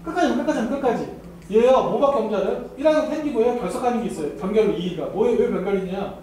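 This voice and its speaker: A man's voice: sits high, fast talker, mellow. A man giving a university admissions seminar as an academy lecturer, teasing the students and speaking straight to them with frequent laughter. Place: seminar hall. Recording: very echoey hall, mic far off, faint noise.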